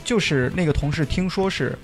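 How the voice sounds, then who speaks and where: A man's voice: on the high side, a little fast, soft background music. A man in casual chat who chimes in and finishes the other speaker's sentences.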